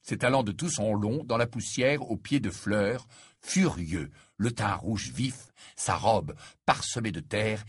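Expressive, husky male storybook reader. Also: fairly low pitch, no echo, studio quality. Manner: expressive reading, doing all voices. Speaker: audiobook reader. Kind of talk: storybook narration.

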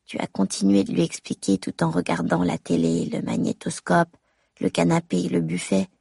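A woman reading a first-person audiobook in a measured, intimate tone, as if talking to her mother. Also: on the low side, little pitch movement, vocal fry, mellow, slightly rough, no echo, clean studio sound. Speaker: audiobook narrator.

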